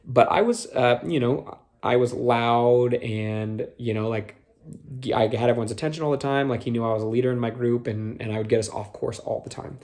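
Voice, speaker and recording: A man's voice: mid-range voice, normal speed, darkish tone. A young man from Minnesota, with a slight Minnesota accent on a few words, giving casual advice on leading youth groups, with lots of fillers and acted-out quotes. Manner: conversational, many fillers, acts out quotes. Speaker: youth small group leader trainer. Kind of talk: casual instructional talk.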